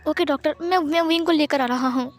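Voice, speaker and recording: An anxious, doting mother who stammers over her words and turns tearful, voiced by a woman narrator. Her voice is high and bright, with faint music behind it. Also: brisk, natural voice. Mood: panicked.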